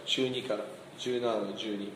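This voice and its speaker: A man preaching a sermon as pastor, animated, often asking the congregation questions and acting out quotes. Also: fairly low pitch, unhurried, a little hiss or hum. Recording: echoey hall.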